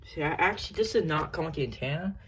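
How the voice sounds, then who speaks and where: His voice is on the high side and lively in intonation as he casually shows his radio collection hands-on. He talks in fits and starts, wandering off and correcting himself, in a noisy room with clicks.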